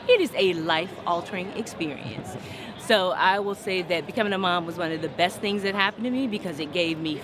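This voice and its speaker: A woman being interviewed tells a candid, reflective personal story. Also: mid-range voice.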